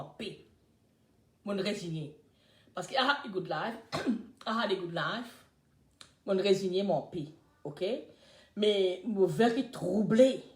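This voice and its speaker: An older woman with a Mauritian accent, hosting a casual live chat and telling stories in a lively way, swinging between loud and soft talk. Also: medium pitch. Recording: roomy echo.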